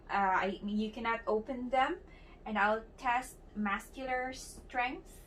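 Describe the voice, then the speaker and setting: A young woman, a student, demonstrates a clinical exam, talking through each step as she gives the patient instructions, often using fillers and restarting sentences. Her voice is slightly high with a fairly bright tone. The mic is distant, with faint background noise.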